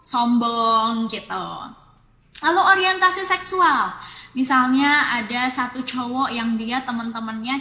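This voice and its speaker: A woman's voice: on the high side, pushed and bright. A woman giving an informal psychology talk on a live stream, explaining ideas through many everyday examples. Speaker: psychology speaker. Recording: echoey room with long reverb.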